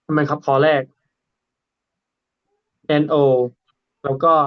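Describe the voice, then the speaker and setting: A man's voice: a little high, little pitch movement, slow pace, dry recording. A man teaching English in a casual bilingual lesson, who politely asks the learner questions. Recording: dull lo-fi recording.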